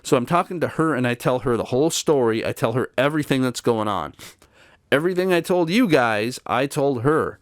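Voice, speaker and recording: A channel host talks straight to camera, casual and worn out, wearily and exasperatedly retelling what happened. His middling-pitched voice has lively intonation and moves a little fast. The sound is dry and close, with no room echo.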